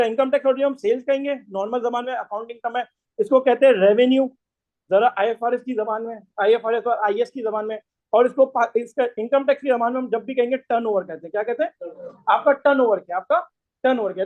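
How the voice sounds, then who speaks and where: A hoarse man gives a classroom lecture, mixes in English terms, and keeps quizzing the class with repeated questions. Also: very high voice, fast. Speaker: tax course lecturer. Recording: tinny phone-like lo-fi recording.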